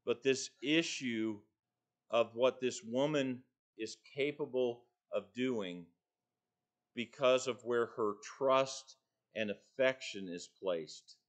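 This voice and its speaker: A middle-aged man preaching a sermon from a church pulpit, earnest and deliberate, pausing between phrases. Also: medium pitch. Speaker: pastor.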